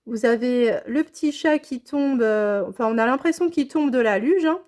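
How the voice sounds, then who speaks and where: Gushing high-voiced woman unboxing papers. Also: animated, moderate pace, darkish tone. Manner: enthusiastic, gushing, repeats praise. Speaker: scrapbooking vlogger. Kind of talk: casual unboxing chat.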